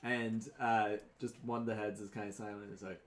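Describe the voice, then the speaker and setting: A man's voice: lowish voice, flat delivery, a little fast. A man speaking casually as game master, narrating a tabletop game.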